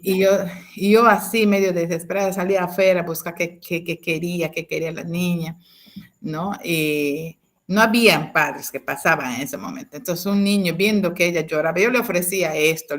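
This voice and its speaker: A woman's voice: on the low side, steady tone, fairly quick. A woman in her fifties, a teacher, tells a personal story over a video call, with many restarts and tag questions. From Peru. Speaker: teacher sharing a testimony. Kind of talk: personal anecdote in an online class.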